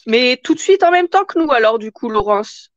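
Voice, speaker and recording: A woman's voice: fairly high pitch, expressive, normal speed, dull audio, a little hiss or hum. A woman hosting a live craft tutorial in casual chat, answering viewer comments as she works.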